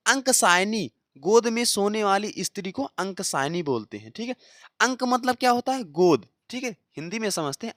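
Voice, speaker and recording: Teacher, exam-prep lesson, lively swinging pitch, repeats answers for drilling, dry close sound. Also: no echo. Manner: reads each option as a question, checks in with frequent "okay". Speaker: Hindi teacher for exam preparation. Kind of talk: exam-prep lesson solving practice questions.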